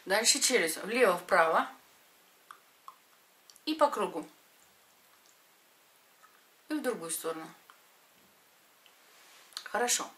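A middle-aged woman teaching exercises to camera, giving short step-by-step instructions with pauses between them. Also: medium pitch, expressive, sharp tone. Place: indoors, in front of a padded wall.

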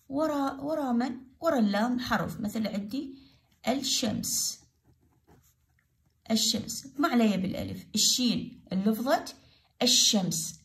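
Iraqi woman teaching a slow grammar lesson. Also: a little high, a little mellow. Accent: Iraqi Arabic. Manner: slow, repeats each example word for dictation; asks pupils questions and answers them herself. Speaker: primary school Arabic teacher.

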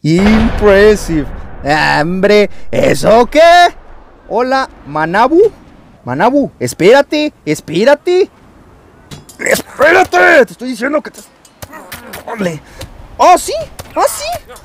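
A man with a Mexican Spanish accent giving excited gameplay commentary as a YouTuber, taunting opponents and yelling at the screen. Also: high voice, takes it slowly, gravelly, pauses often, slight background noise. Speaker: gaming YouTuber.

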